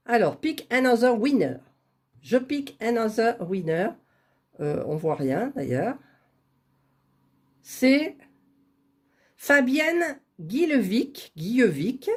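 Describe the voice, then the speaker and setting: A woman's voice: a little high, mellow, slightly rough. A woman chatting casually while drawing giveaway winners on a computer, laughing at her own fumbling. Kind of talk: casual screen-recorded vlog.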